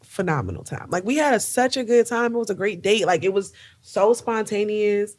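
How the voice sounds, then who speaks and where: A woman's voice: medium pitch, lively intonation, normal speed, darkish tone. A young woman from New Jersey co-hosting a podcast in casual chat, joking and laughing often. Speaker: podcast co-host.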